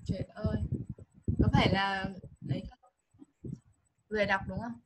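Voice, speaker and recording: A woman's voice: mid-range voice, fairly even intonation, normal speed, very noisy. A Vietnamese woman teaching English online, speaking English with a Vietnamese accent and switching into Vietnamese, patiently coaching pronunciation line by line. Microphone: video call.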